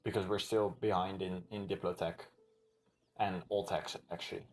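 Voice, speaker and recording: A man's voice: low-pitched, little pitch movement, moderate pace, faint music behind. A man with a lisp who pronounces th as f, chatting casually as he plays a game with friends. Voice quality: lisp, says th as f. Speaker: player reading game events aloud to chat. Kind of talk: casual gaming commentary with friends.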